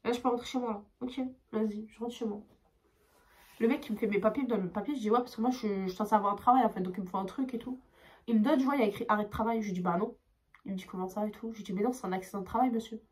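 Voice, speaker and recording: A young woman telling a storytime vlog, tired, expressive and swearing as she acts out her dialogue. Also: medium pitch, very fast. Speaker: vlogger.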